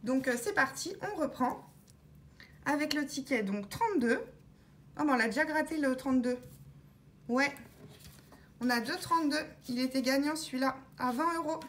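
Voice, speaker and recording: A woman vlogger talking through her scratch-card tickets, calmly spelling out letters one by one as she checks each word, with scratching sounds behind her. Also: sits high, moderate pace, long pauses, a little hiss or hum. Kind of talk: casual narration while scratching tickets.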